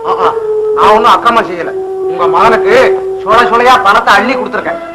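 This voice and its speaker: A man's voice: sits high, fairly quick, close to an everyday voice, rough recording. An actor playing a harsh male moneylender who talks bluntly and scolds. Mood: scolding. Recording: loud hiss on an old film soundtrack.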